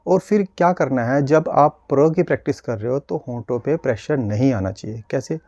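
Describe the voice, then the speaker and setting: Patient male speech teacher, warm low-key tone, demonstrates sounds slowly. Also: dry recording. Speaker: speech therapist. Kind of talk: instructional video lesson.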